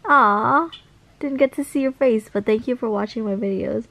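A woman's voice: on the high side, normal speed, fairly bright tone, no echo. A tired young woman chatting casually in a vlog, gushing affectionately over fan messages. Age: young adult. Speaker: vlogger reading fan messages.

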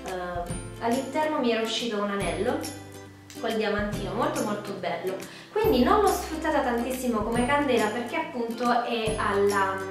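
A woman's voice: a little high, expressive, normal speed. Female vlogger, 20s, congested duck-like nasal voice, casual delivery, strong room echo. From Puglia, southern Italy. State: congested from a cold, sore throat, duck-like nasal voice. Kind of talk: casual talk to camera. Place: small bedroom indoors. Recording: very echoey room, music behind. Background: music.

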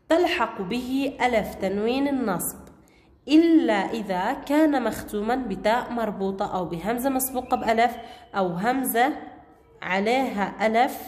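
Echoey Levantine woman teaching a class. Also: a little high. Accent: Levantine Arabic. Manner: patient, repeats key points and checks understanding. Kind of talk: classroom grammar lesson. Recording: echoey room, long reverb.

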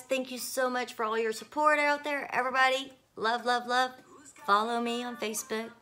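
A woman's voice: fairly high pitch, pushed and bright. A woman hosting a live stream and radio show, gushing and bubbly as she talks straight to her viewers with music playing behind her. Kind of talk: excited casual live-stream chat. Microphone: phone or webcam on a live stream. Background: music playing in the background.

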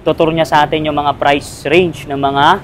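A Filipino man touring a surplus warehouse for a vlog, asking about prices and repeating them back in a lively way. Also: on the high side, moderate pace, a little hiss or hum. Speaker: vlogger touring a surplus store. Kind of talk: casual walkthrough vlog.

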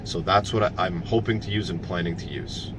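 A man in his thirties, an HVAC technician from Canada, explaining a repair step by step in a relaxed, plain-spoken way. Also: sits low, fairly quick, background noise. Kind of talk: casual how-to explanation. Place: parked work van, then a commercial building.

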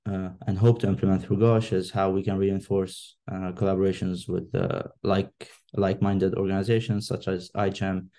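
Low, flat-voiced man from Lebanon. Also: moderate pace, hardly any pauses. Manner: hesitant, many fillers. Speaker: election candidate. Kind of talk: online meeting statement. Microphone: video call.

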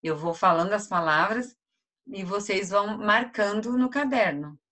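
A woman's voice: mid-range voice, moderate pace, fairly bright tone. A Brazilian woman teacher giving an online lesson to first graders, drawing out each word syllable by syllable. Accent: Brazilian Portuguese. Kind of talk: online lesson for young children.

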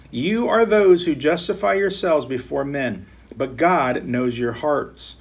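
Seated at his home office desk, a middle-aged American pastor reads Bible verses for a study group, slow and emphatic in his earnestness. He speaks a little high, with some breathiness.

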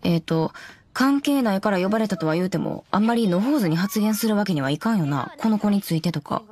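An actress voicing a blunt adult woman with a Kansai accent who snaps sharp retorts in an in-character anime commentary. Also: mid-range voice, animated, fairly quick, slight background noise, natural voice. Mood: scolding. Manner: sharp retorts, straight-man scolding. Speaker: commentary co-host.

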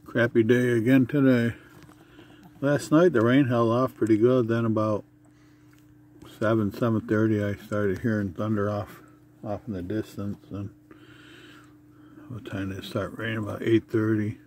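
A man's voice: fairly low pitch, level tone, normal speed, pauses often, a little mellow, a little hiss or hum. A man recording a casual camping video diary inside a camper, talking in a plain, matter-of-fact way on a handheld phone. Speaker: camping vlogger. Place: inside a camper, rain outside.

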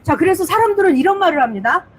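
A woman's voice: very high voice, animated, racing, rough recording. A woman preacher telling a Bible story in a simple storytelling sermon, repeating words for emphasis and asking her listeners questions. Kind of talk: children's-style sermon storytelling.

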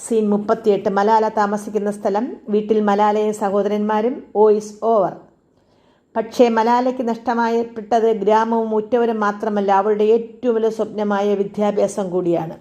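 A woman reading a documentary script aloud at a steady, even pace, announcing each scene. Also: medium pitch, moderate pace, few pauses. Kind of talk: read-aloud script narration.

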